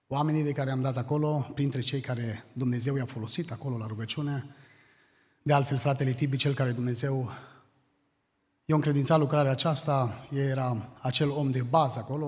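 A man from Romania preaching a funeral sermon, measured and building to emphasis when reading scripture, recorded in a church hall. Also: mid-range voice, darkish tone. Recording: long hall reverb.

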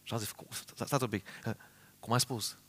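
A man's voice: mid-range voice, fairly even intonation, a bit bright. A middle-aged man from Romania preaching a sermon, telling a story earnestly and speaking straight to his congregation.

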